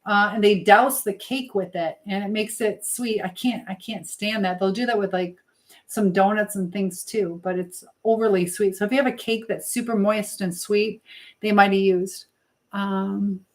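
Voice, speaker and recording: This livestream host speaks in a steady, mid-range voice at a normal pace while she bakes at home, rambling casually and thinking aloud. Background noise and clicks are noticeable throughout.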